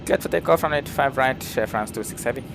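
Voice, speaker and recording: A man speaking into a pilot's headset, reading back tower clearances and running through cockpit checklist callouts in clipped aviation phrasing. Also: mid-range voice, fast talker. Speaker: flight sim streamer. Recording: steady cockpit engine and fan hum.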